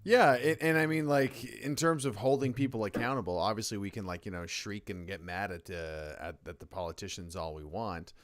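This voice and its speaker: A man's voice: fairly low pitch, a little fast, hardly any pauses. A young man, co-hosting a casual political chat. He rants emphatically and often restarts his sentences. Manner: emphatic, ranting, with frequent restarts. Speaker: podcast co-host.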